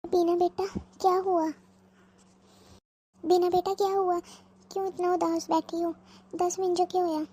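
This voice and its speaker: Anxious older mother-in-law, voiced by a woman, fretful and rambling; high and mellow. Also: flat delivery, measured pace, pauses often. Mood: fretting. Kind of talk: cartoon voice acting.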